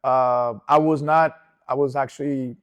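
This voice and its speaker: A man in his forties from Venezuela, a jiu-jitsu instructor, telling his story in a relaxed, rambling way with many fillers and restarts. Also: medium pitch, measured pace, clear, resonant tone. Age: 40s. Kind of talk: casual interview.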